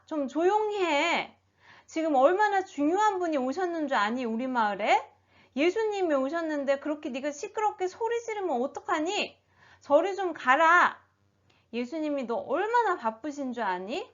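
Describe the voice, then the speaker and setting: A woman's voice: fairly high pitch, expressive, unhurried, few pauses. A woman voicing a crowd of villagers who order a beggar about in a bossy, scolding way, in a storybook telling. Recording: dull lo-fi recording.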